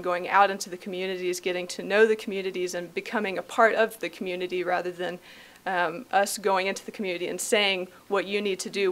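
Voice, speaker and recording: A woman's voice: fairly low pitch, fairly bright tone. A young woman from Tennessee introducing herself at a conference panel, enthusiastic, with many ums, speaking into a podium microphone. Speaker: graduate program coordinator. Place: conference room.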